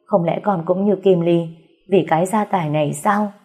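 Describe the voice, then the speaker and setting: A woman's voice: on the low side, moderate pace, darkish tone, husky, faint music behind. A woman reading a novel aloud voices an elderly matriarch speaking with reproach. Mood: reproachful. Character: elderly matriarch, stern and shocked.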